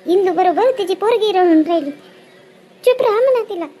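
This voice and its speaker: Brief: a woman playing a bossy village wedding guest, shrill high voice, clipped nagging questions. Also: animated, dark tone. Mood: fussing. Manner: brisk, bossy, full of questioning "hm?" tags. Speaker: wedding guest in a comedy skit. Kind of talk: village comedy skit acting.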